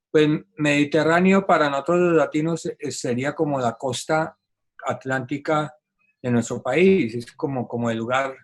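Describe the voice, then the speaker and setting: A man hosting an online talk, asking a long question with many pauses, fillers and repeated words. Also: fairly high pitch. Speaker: host.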